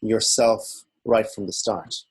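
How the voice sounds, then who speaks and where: A man teaching in a relaxed, informal way, walking through a screen-recorded software tutorial. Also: lowish voice, slow, breathy edge. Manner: relaxed, informal explaining while clicking.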